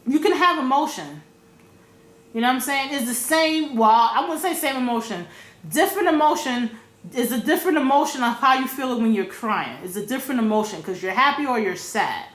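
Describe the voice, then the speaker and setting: A woman's voice: high voice, animated, brisk, fairly bright tone, roomy sound. A woman vlogging her opinions in a blunt, profane way, repeating her points for emphasis. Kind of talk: casual opinion rant.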